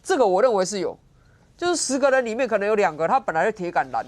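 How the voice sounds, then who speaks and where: A woman giving sharp, sarcastic political commentary as a guest on a TV talk show. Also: medium pitch, very animated, quick pace. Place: TV studio.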